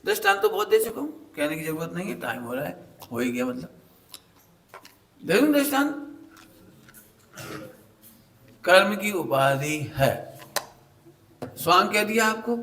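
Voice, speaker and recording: Lively, bright-voiced male preacher. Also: fairly high pitch. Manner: animated storytelling, acts out quoted voices, asks the audience questions. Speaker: Jain scripture teacher. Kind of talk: sermon with homely stories.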